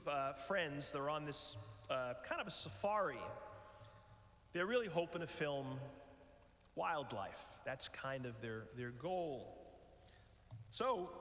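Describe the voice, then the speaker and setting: A priest giving a retreat talk in a large church, telling a story in a relaxed, conversational way with many ums and uhs. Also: male voice, mid-range voice. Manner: conversational storytelling with frequent fillers. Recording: echoey church with long reverb.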